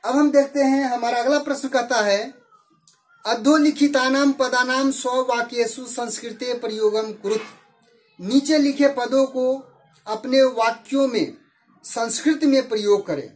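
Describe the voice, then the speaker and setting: A woman's voice: sits high, unhurried, a little mellow. A woman teaching a Sanskrit lesson, methodically working through each answer and repeating it in Hindi. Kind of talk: slow explanatory lesson.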